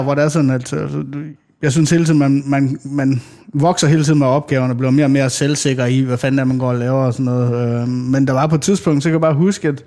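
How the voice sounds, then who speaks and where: Casting note: man, fairly high voice, lively storyteller, swears casually, loud quoted outbursts. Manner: animated storyteller, jumps into shouted quotes, swears freely. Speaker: father on a podcast. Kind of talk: casual chat.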